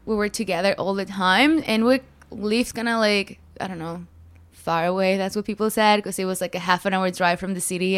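A young woman from Mexico talks as a podcast guest in a relaxed, rambling way, full of "like" and "um". Her voice is smooth and clear, at an ordinary middle pitch. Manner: chatty, filler-heavy, laughs easily. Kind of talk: casual interview chat.

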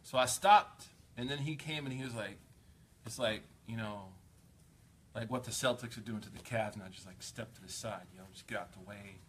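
Slangy, animated male preacher. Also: fairly quick, breathy edge. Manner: slangy and conversational, peppered with "man" and "like"; animated, jumps up in pitch and volume for emphasis. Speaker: Islamic preacher. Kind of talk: casual storytelling sermon.

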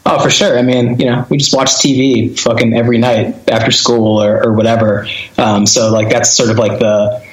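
A man's voice: mid-range voice, level tone, normal speed. A man in his thirties, a guest in a casual podcast interview, talking in a laid-back, rambling way with a lot of fillers and casual swearing. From born in Boston, raised in Connecticut and Wisconsin. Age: 30s. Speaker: interview guest, filmmaker and former hardcore musician. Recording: roomy echo.

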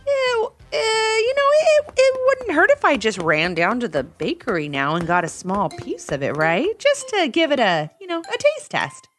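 A woman's voice: high-pitched, sing-song, normal speed, few pauses, a bit bright, soft background music, pitched above the performer's own voice. A woman voicing a cheerful father who dearly loves birthday cake, drawing out his words as he daydreams. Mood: enthusiastic.

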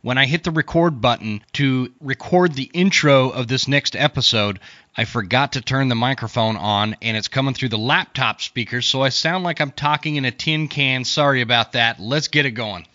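A man's voice: mid-range voice, moderate pace, bright, forceful tone, no echo. A man hosting a podcast, chatting casually, with his voice played back through laptop speakers so it sounds tinny. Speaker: podcast host. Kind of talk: casual spoken intro.

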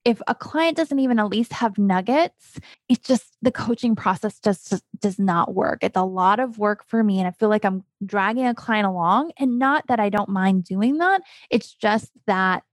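A woman's voice: mid-range voice, moderate pace, no echo. A woman, a coach hosting her own podcast, talking casually and emphatically, firing off rhetorical questions. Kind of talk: casual solo podcast talk.

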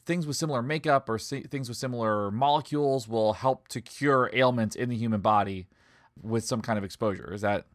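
A man co-hosting a podcast in a relaxed, agreeable chat, often hedging with fillers. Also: mid-range voice, fairly quick, no room sound, clean studio sound. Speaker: podcast co-host.

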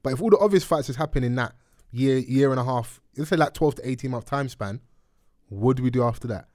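Casting: man hosting podcast banter, London roadman accent and slang, medium pitch, dry sound. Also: fast talker, a little mellow, no room sound. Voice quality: roadman slang-heavy speech. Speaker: podcast host. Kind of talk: casual chat. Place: studio.

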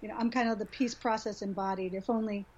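A middle-aged woman from Honduras, a guest on a podcast, talking reflectively over a video call, often restarting and softly laughing. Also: medium pitch, fairly even intonation, quick pace. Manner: warm-hearted, reflective, with frequent restarts and soft laughs. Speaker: guest, sexuality educator. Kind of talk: casual interview talk. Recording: dull lo-fi video call audio.

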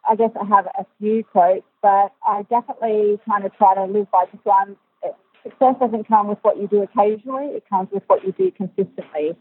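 A woman answering interview questions in a measured, thoughtful way, heard over poor, phone-like audio. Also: mid-range voice, slightly rough. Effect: poor quality, phone-like audio. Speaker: interview guest, dressage coach and physiotherapist. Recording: muffled tinny dry phone line.

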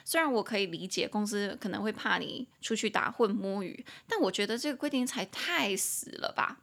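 Bright chatty woman podcast teacher. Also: medium pitch, expressive, creaky. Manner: chatty, switches between Mandarin and careful slow English. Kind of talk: casual teaching chat.

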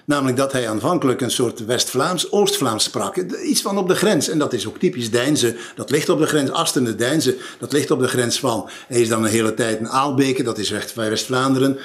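A man's voice: medium pitch, normal speed, hardly any pauses. A man in an interview, recalling someone in a thoughtful, hesitant way. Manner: thoughtful, hesitant, restarts words. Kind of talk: reflective interview talk.

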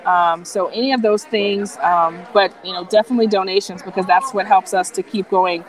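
A woman who founded a nonprofit hacking group chats as a guest in a casual live interview, her medium-pitched voice going hoarse as she loses it. She speaks briskly, relaxed and enthusiastic, with lots of filler words, on a low-quality recording.

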